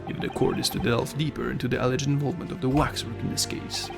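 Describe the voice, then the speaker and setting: A man's voice: medium pitch, steady tone, fast, vocal fry, music in the background, voice pushed down, natural voice. A man voicing an earnest, determined young male defense lawyer in a fan dub of a video game.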